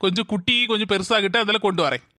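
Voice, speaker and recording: A woman voicing a soft-spoken, indulgent middle-aged village father in a cartoon, with a southern Tamil Nadu accent. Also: mid-range voice, rapid-fire, dry recording, studio quality, natural voice. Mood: friendly.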